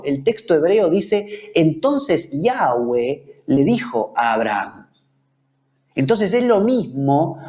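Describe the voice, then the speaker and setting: A man with a Rioplatense Spanish accent teaching a Bible study, explaining patiently and repeating words as he searches for the next one. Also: fairly high pitch. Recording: dull lo-fi recording.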